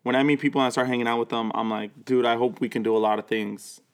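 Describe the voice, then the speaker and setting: A man's voice: mid-range voice, steady tone, fast. Laid-back young man hosting a podcast. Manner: laid-back, hesitant, many fillers and restarts. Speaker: podcast host and pastor. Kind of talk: casual chat. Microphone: studio microphone.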